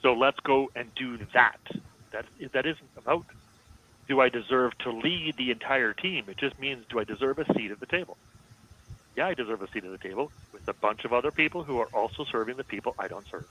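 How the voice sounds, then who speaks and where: A man's voice: medium pitch, brisk, bright, forceful tone, a little hiss or hum, poor audio. A man, a coach co-hosting a podcast in casual chat, speaking emphatically and with confidence.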